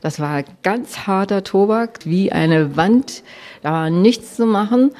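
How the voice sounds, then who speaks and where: A woman telling a personal anecdote to listeners, lively and animated, with frequent hesitations. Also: medium pitch, slow pace. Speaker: storyteller.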